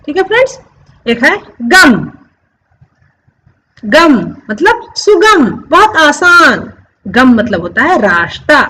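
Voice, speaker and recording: A woman gives a Hindi lesson at an unhurried pace. She repeats every word several times and keeps asking her viewers questions. Her somewhat high voice rises and falls widely as she explains. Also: pushed and bright, poor audio. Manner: explains slowly, repeats words over and over; addresses viewers as friends, asks questions. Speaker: Hindi teacher. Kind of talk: classroom-style lesson.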